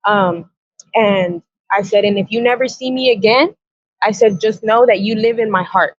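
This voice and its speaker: Speaking at a moderate pace in a mid-range voice, this podcast guest recounts something from her own life, quoting people with earnest, blunt profanity. There's no room sound, and the lo-fi recording comes across dry and dull.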